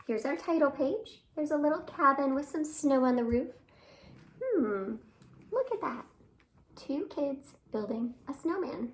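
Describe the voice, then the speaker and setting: A woman hosts children's storytime at a library, opening with a sung greeting and then reading aloud with animation, exclamations and questions for her young listeners. Her voice is high and expressive and a little slow, with a slight hiss or hum in the recording.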